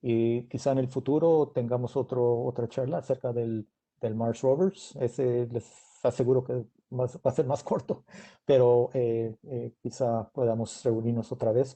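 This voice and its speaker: A man with a very dark, soft-edged voice speaks as a guest expert in an informal technical Q&A. He has an American accent as a native English speaker and moves haltingly, often searching for the next word. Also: mid-range voice, fairly even intonation. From Mexican-American. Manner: halting, searching for words in non-native Spanish. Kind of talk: informal question-and-answer at a technical talk.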